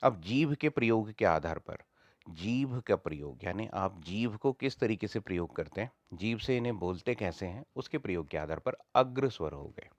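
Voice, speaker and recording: A man's voice: lowish voice, lively intonation, moderate pace, no echo. A man teaching a lesson, patiently repeating each point in several ways. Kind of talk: explanatory lesson.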